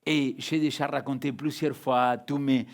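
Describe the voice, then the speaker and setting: A young adult man preaching a sermon as a pastor, speaking French with a non-native accent, emphatic, swinging between loud and hushed, repeating words. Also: mid-range voice, fairly even intonation, unhurried.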